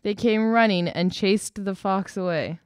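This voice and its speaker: A woman reads a children's picture book aloud, slowly and gently, with clear pacing. Her voice is smooth and resonant, and the sound is close and dry. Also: medium pitch, no echo. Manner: slow, gentle and clearly paced. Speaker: storybook reader.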